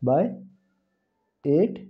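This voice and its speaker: A young man giving an animated exam-prep math lecture, repeating key phrases and talking to students as friends. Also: drawn-out words, dull audio. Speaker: math teacher.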